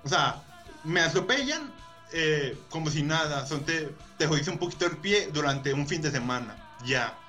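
A man's voice: a little high, animated, moderate pace, bright, forceful tone, faint music behind. Rambling Colombian man, casual guest. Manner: rambling, filler-heavy, earnest. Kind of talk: casual chat.

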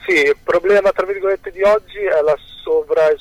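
A young man, a musician guest, answering interview questions over the phone, hesitant and full of drawn-out fillers. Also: sits high, steady tone, low-quality recording.

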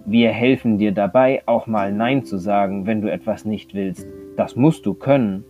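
A man's voice: fairly low pitch, moderate pace, faint music behind, close to an everyday voice. A man doing a kind, helpful storybook letter. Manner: gentle reassuring questions. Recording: slightly dull lo-fi recording.

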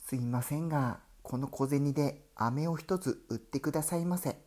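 A man's voice: on the high side, normal speed, darkish tone, lightly acted. A man voicing a faint, pleading ghost woman. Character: weak pregnant young ghost woman, pleading.

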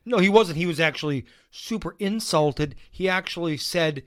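Animated, opinionated man, slightly high voice. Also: normal speed. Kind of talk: casual movie chat.

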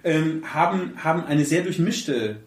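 Animated, fairly high-voiced man in an echoey room. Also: a little slow, far from the mic. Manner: animated, emphatic, with blunt colloquial remarks. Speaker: podcast host. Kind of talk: casual podcast conversation. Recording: echoey room, set back from the mic.

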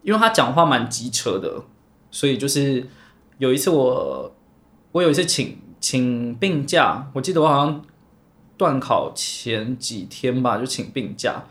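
A man's voice: medium pitch, expressive, measured pace, fairly bright tone. A young man, telling a long personal story on a chat podcast, rambling and restarting often. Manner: rambling, many restarts and repeated words. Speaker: podcast co-host.

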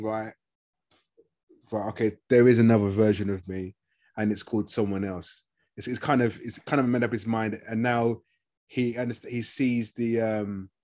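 Man chatting, mid-pitched, repeating himself. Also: a little mellow. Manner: repeats phrases as he works out his point. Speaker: podcast co-host. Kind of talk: casual TV review chat.

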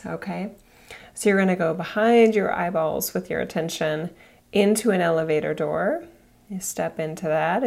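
Creaky, low-voiced woman guiding listeners gently. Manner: soothing, gently instructing, breaks into small asides. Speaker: spiritual guide and podcast host. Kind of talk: guided meditation and informal talk to listeners.

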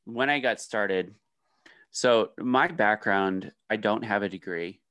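A man's voice: fairly low pitch, slow pace, a bit bright, no room sound. Candid male business owner, dry sound. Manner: candid, storytelling, jokey asides. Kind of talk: casual interview.

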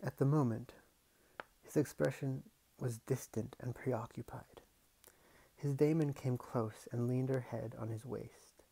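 A man with a deep, gravelly voice reads a novel aloud, steady and unhurried. His tone is husky and low, with casual asides muttered to himself now and then. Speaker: audiobook reader.

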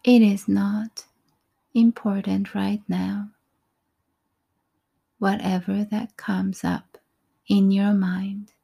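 A woman guides a breathing meditation at an extremely slow, soothing pace. Her voice is soft and breathy, often near a whisper, with a mellow tone and frequent creak. She leaves calm pauses between short phrases. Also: mid-range voice.

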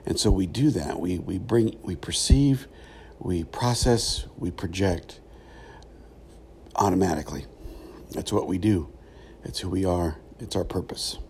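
A middle-aged man with a gravelly voice giving a reflective solo podcast monologue, thoughtful and halting, with frequent pauses. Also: low voice, darkish tone, slight background noise. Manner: thoughtful, halting, pausing often. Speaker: podcast host, former pastor.

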